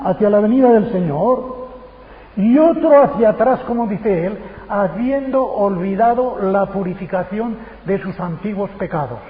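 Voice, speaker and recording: A man preaching a sermon, emphatic and direct with his congregation. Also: sits high. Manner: emphatic, addresses the congregation as brothers. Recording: tinny lo-fi tape of a long-reverb church hall.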